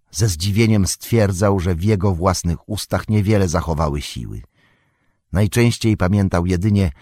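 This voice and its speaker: Low-voiced, husky male narrator. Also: dry recording, studio quality. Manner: calm, steady storytelling. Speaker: audiobook narrator. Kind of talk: scripted narration of a novel.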